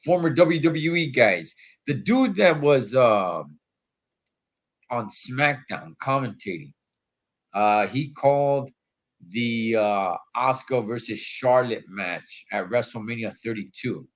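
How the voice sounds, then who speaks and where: A man with allergy congestion hosts a casual wrestling livestream in a hotel room, his medium-pitched voice animated but slow. He keeps it slangy and laid-back, referring to viewers as "dog" and "Holmes."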